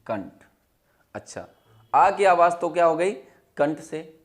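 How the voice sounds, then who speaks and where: A man teaching a Hindi class, asking questions and repeating the answers in a steady drill, his voice dropping low and quiet on each answer. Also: unhurried. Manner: drops to a low, quiet voice when giving the answers. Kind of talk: classroom lesson.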